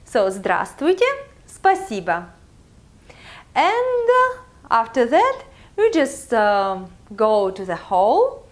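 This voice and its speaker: Young Russian-accented woman, patient language teacher, unhurried, lilting higher voice. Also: huge pitch swings. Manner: many filler pauses, drawn-out teaching pace. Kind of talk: slow, careful video lesson.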